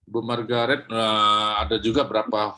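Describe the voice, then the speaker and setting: A man's voice: fairly low pitch, level tone, normal speed, bright, forceful tone, slight background noise. A man teaching a class on a video call, patiently correcting readers and demonstrating tones aloud. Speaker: Chinese reading teacher. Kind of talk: online class feedback.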